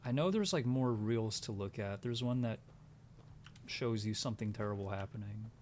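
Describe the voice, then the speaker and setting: A man's voice: fairly low pitch, normal speed, darkish tone, a little hiss or hum. Playful man talking through a game. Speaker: co-streamer playing the game. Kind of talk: casual game stream chat.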